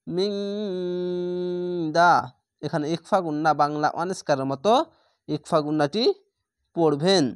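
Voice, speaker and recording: A man with a fairly high voice teaches reading aloud, spelling out syllables one by one before chanting each word slowly and stretching the vowels. The sound is close and dry, with no room echo. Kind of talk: slow spelled-out recitation lesson.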